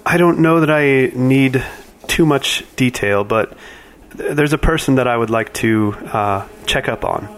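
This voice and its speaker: A man's voice: mid-range voice, unhurried, few pauses, smooth, close to an everyday voice. A man playing a polite, evasive adventurer in a tabletop game, hesitant and very courteous. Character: polite, evasive male adventurer seeking temple favors.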